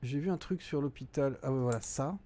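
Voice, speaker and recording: A man's voice: medium pitch, fairly quick, mellow. Chatty French-speaking man streaming a game. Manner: chatty, thinks aloud with frequent hesitations. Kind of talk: live gameplay commentary reading chat.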